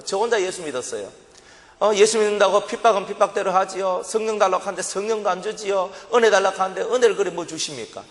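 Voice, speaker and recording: A man's voice: sits high, fairly bright tone. A male pastor with a Gyeongsang accent, preaching a sermon as dramatic personal testimony and acting out his old prayers. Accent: Gyeongsang Korean. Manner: dramatic storytelling, acts out his own past prayers and crying. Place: church sanctuary. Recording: long reverb of a church hall.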